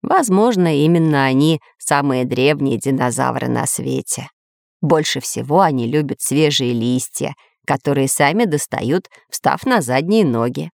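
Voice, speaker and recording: A woman voicing a kindly male scientist in a storybook reading, explaining slowly. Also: extremely low pitch, expressive, creaky, no echo, studio quality, exaggerated voice. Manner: slow, explaining.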